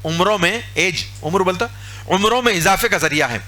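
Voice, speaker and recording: Man, preacher, high voice, lively conversational sermon. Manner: lively, conversational, acts out everyday scenes. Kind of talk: Urdu sermon. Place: mosque.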